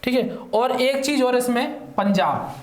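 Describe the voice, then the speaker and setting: A man's voice: very high voice, measured pace, a little hiss or hum. Chatty male teacher in an echoey room. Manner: chatty, keeps checking in with listeners. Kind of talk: online exam-prep lesson.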